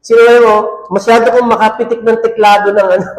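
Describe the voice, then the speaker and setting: A man's voice: high-pitched, little pitch movement, fast, rough recording. A male pastor preaching a sermon who keeps checking in with the congregation and reads verses aloud in English. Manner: keeps asking the congregation "ano po?"; mixes English quotes and phrases into his preaching.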